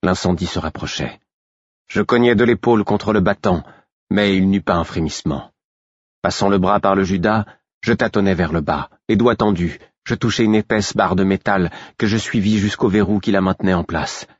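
Low husky guy reading a story in first person, steady pace, dry dull lo-fi sound. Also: moderate pace, dry recording. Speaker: audiobook narrator. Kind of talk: first-person audiobook narration.

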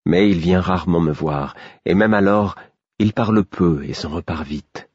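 A man's voice: sits low, moderate pace, a little mellow, husky, no room sound, lo-fi sound. A man doing a proud, lonely young queen. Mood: earnest. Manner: firm, earnest.

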